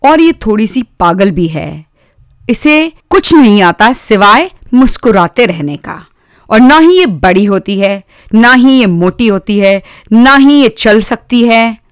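Woman playing a teasing boy, lively and blunt, storybook brother, dry close sound. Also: a little high, takes it slowly, no room sound.

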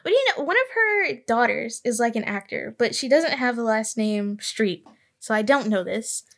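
A woman co-hosting a casual podcast, with a voice that sits a bit high. She rambles through her opinions, stops to correct herself, and admits she is going purely on vibes. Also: expressive, normal speed, fairly bright tone. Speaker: podcast co-host. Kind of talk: casual chat.

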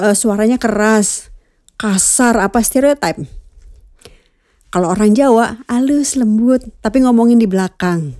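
Chatty woman with a mellow voice. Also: a little high, dry recording, clean studio sound. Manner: chatty, reflective, mixes in English words. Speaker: cat owner vlogger. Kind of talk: casual chat.

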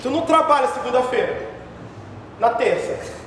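A pastor with a very high voice preaches in a big church hall. He is animated and mocking, shouting one moment and dropping to soft asides the next. His voice echoes heavily and sounds far from the mic, with a long reverb tail. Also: normal speed, a little hiss or hum. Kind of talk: sermon.

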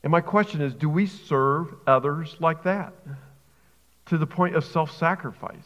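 A middle-aged man preaching a sermon, telling a story earnestly, sometimes growing quiet and emotional, sometimes pressing urgent questions. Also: on the high side, measured pace. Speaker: camp director preaching a guest sermon. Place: church sanctuary. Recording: muffled sound with long hall reverb.

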